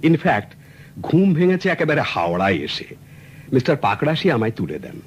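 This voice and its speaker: This husky male voice sits at medium pitch, swinging widely up and down at a normal speed. An actor in a 1970s radio drama, he portrays a courteous, earnest middle-aged client explaining his story in detail, captured on an old, faintly hissing radio recording.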